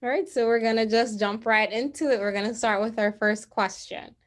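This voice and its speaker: A woman's voice: a little high, steady tone, a little fast. A young woman in her twenties who hosts an interview and reads a scripted, enthusiastic introduction. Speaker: interview host. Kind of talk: interview hosting.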